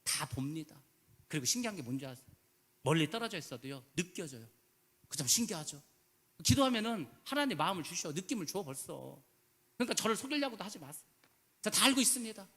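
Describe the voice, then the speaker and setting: Male pastor, high bright voice, rapid emphatic sermon, echoing church hall. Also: sing-song, slightly rough. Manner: emphatic, rhetorical questions, casual speech endings. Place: church sanctuary.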